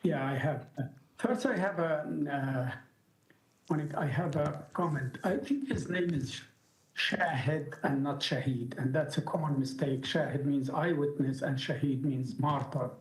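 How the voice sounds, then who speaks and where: A man's voice: a little high, normal speed, a little mellow. Guy reporter asking at a press briefing, earnest, pushes his point, roomy echo. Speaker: journalist asking questions. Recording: roomy echoey sound.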